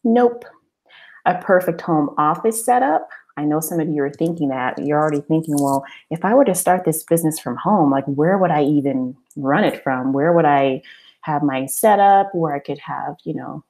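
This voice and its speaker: A woman with a deep, darkish voice speaks at normal speed on a low-quality recording. As a business coach hosting an informal webinar, she is encouraging and conversational, posing rhetorical questions.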